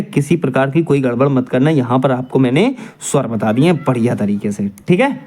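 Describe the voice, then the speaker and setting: A man's voice: fairly high pitch, darkish tone. A male teacher giving an exam coaching lesson, asking questions and answering them himself while checking in with his students again and again.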